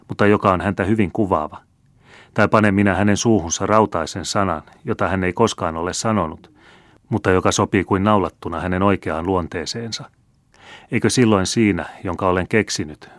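A male audiobook reader voicing an elderly storyteller who lays out his reasoning in a measured way. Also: low voice, no echo, natural voice. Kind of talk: audiobook character reading.

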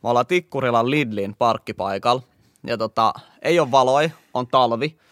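A man's voice: medium pitch, no room sound, clean studio sound. A young man with a Finnish accent, casually telling a story as a podcast host. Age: young adult. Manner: relaxed anecdotal storytelling.

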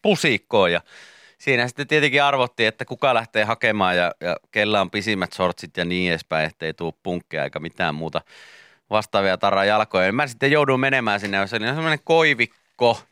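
Kirkasääninen mies rupattelee radiossa. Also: male voice, lowish voice, bright, forceful tone, smooth, dry recording, studio quality. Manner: chatty storyteller, reads headlines aloud. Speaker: radio morning show host. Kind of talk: casual on-air banter. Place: radio studio. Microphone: studio microphone.

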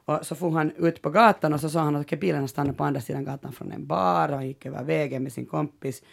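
A Finland-Swedish woman hosting a podcast, telling a story in a lively way and acting out what people said. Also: low voice, gravelly. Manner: lively storyteller, retells scenes with animated quoted outbursts. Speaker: podcast host. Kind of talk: casual chat.

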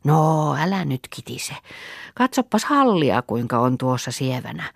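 A woman's voice: deep voice, very animated, creaky, no room sound, studio quality, exaggerated voice. A woman voicing a tender little girl who coaxes and fusses over a friend in a storybook reading. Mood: coaxing. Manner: soft and coaxing, then wailing.

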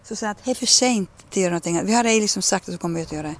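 Woman in her 50s telling life stories, acts out the quotes, animated, middle pitch. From Ostrobothnia, Finland. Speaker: interviewee. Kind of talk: personal storytelling in a radio conversation.

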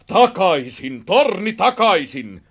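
A man's voice: on the high side, big pitch swings, fairly bright tone, voice pushed up, exaggerated voice. A man playing a stammering, blustering police chief. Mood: shouting orders. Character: blustering male police chief, loud and stubborn.

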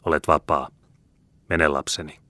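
A man's voice: rumbling low, fairly even intonation, pushed and bright, dry recording. A man voicing a stern old farmer patriarch who speaks with firm, commanding authority. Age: older.

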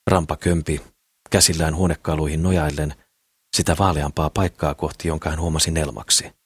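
Husky low-voiced male audiobook narrator. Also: no echo, clean studio sound. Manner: calm, steady storytelling. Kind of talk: scripted narration.

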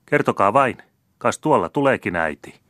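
A man voicing a wild, merry eight-year-old girl who shouts defiantly in an old storybook reading. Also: animated, dry recording, studio quality. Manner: shrill and defiant.

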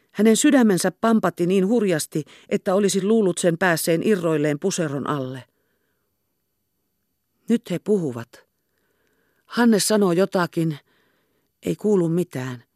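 A woman reading a classic novel aloud in a measured, expressive way. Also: low voice, no echo, studio quality. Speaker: audiobook reader. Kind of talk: literary narration.

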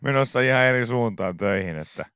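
A man's voice: mid-range voice, animated, fairly bright tone, clean tone, no echo. A male morning radio host casually telling an anecdote in a rambling way, with many fillers, on a studio microphone. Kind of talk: casual studio chat, storytelling.

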